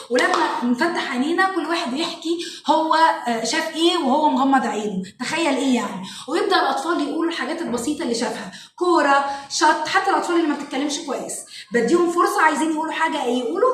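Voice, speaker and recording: An Egyptian woman, a parenting educator and show host, explaining classroom activities to parents in an animated way and acting out what children say. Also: sits high, slight background noise. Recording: echoey room, mic at a distance.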